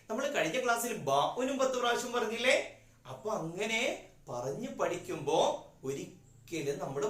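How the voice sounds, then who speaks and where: A man's voice: very high-pitched, a bit bright. A man teaching a religious class to young children, patiently asking questions and drilling repetitions. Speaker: madrasa teacher. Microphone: phone. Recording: echoey room.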